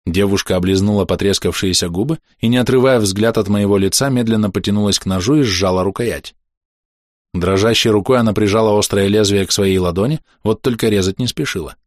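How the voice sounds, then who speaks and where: A man narrating a fantasy audiobook in a measured, steady storytelling manner. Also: lowish voice, no room sound, clean studio sound.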